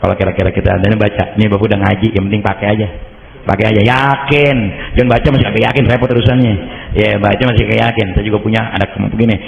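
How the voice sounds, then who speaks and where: A man with a Betawi accent preaching at a mosque study gathering, telling stories in casual speech and getting excited as he goes. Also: racing, creaky. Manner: storytelling in colloquial Jakarta speech, rising pitch in excited moments. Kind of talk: informal religious study talk. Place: mosque hall. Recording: roomy mosque hall, muffled sound.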